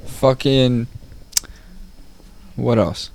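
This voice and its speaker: A man's voice: medium pitch, very slow, vocal fry, a little mellow. A man from New Jersey co-hosting a podcast, blunt and profane in casual chat. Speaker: podcast co-host.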